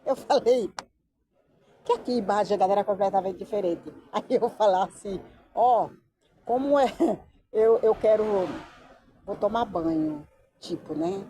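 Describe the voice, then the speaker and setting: A woman's voice: mid-range voice, moderate pace, pauses often, slight background noise. A woman from telling a story casually outdoors by the beach, acting out the voices she quotes. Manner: lively, acts out quoted voices. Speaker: vlogger.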